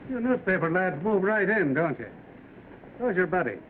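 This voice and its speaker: A sardonic, high-voiced wise guy. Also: lively intonation, normal speed. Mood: teasing. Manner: slangy, sardonic. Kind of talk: 1930s film acting. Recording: tinny, noisy old film soundtrack.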